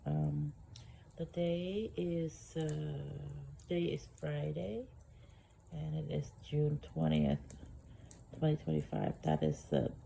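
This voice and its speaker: A woman who has just woken up, talking through a rambling, hesitant morning vlog from her living room couch, with lots of fillers and soft chuckles. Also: sits low, lively intonation, slow pace, vocal fry, slight background noise, poor audio. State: groggy, just woke up. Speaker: vlogger.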